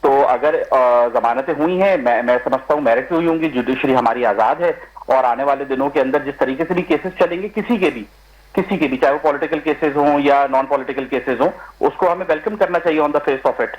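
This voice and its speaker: A male politician giving a measured answer in a news interview, slipping English phrases into his speech. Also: medium pitch, highs cut off. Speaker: politician guest.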